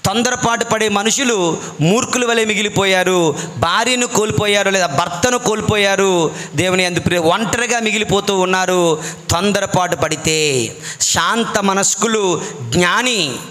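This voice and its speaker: Bright high-voiced preacher man. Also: normal speed. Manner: storytelling, acts out quoted voices. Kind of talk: sermon with anecdotes.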